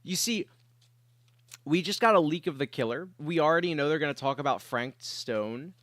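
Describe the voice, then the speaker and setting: Clean, dry studio sound captures a young man with a fairly high, bright voice and lively intonation at a moderate pace. Though he's in his bedroom and sick, coughing and clearing his throat, he casually rambles to his livestream viewers with plenty of fillers.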